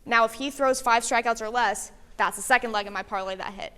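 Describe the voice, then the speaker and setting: Woman in her twenties, sports reporter, upbeat clear delivery, slightly high voice. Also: brisk, a bit bright.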